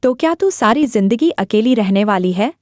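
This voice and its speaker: An actress playing a kind young heiress in a dubbed short drama, soft and gentle. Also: female voice, fairly high pitch, animated, normal speed, dry recording, dull audio, natural voice. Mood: curious. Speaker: rich heiress, female lead.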